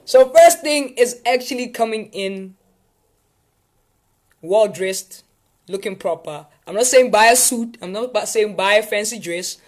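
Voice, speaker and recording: A high-pitched South African man, speaking at a measured pace, runs a casual live tips session for an audience of viewers. He wanders from point to point playfully.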